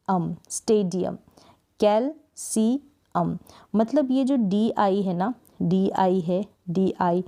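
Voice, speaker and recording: A woman's voice: medium pitch, dark tone. Patient woman teacher drilling spelling sounds. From India. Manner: slow, drawn-out syllable-by-syllable pronunciation drills; patient, repeats words often with "thik hai" checks. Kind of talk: explanatory lesson.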